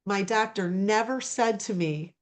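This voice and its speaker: A woman's voice: mid-range voice, a little slow. A woman giving a casual personal testimonial over a video call, rambling with many fillers and restarts. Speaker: program client giving a testimonial.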